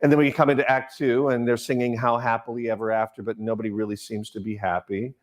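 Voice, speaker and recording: A middle-aged man giving an informal lecture on the stage arts, rambling like a professor, with digressions, halting restarts and personal anecdotes. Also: medium pitch, flat delivery. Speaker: lecturer on musical theater.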